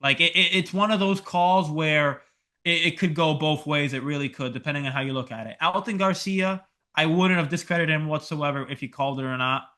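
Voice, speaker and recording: Bright-voiced young man recapping a match. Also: on the high side, fairly quick. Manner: animated, swears, many fillers and restarts. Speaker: podcast co-host.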